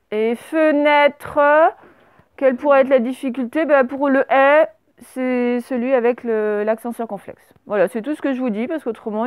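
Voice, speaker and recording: A woman schoolteacher with a high, clear voice leads a class dictation. She stretches and over-articulates each word, then spells it out one letter at a time. The sound is close and dry. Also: a little mellow, dry recording. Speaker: primary school teacher.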